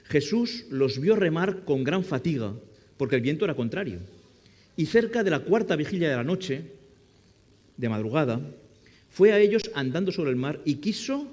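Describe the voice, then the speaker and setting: A man's voice: a little high, darkish tone, big-room sound. A man preaching a sermon who asks his listeners questions and acts out what the people in the story say.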